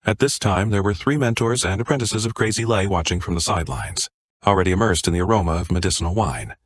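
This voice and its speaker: A man narrating a comic story recap in a flat, even reading style. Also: low-pitched, fast talker, dry recording.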